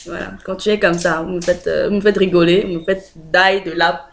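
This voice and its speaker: A woman's voice: fairly low pitch, steady tone, a little fast, vocal fry. A woman with a French accent chatting casually to her viewers, hesitant and full of fillers, laughing often. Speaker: video blogger. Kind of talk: casual direct-to-camera chat.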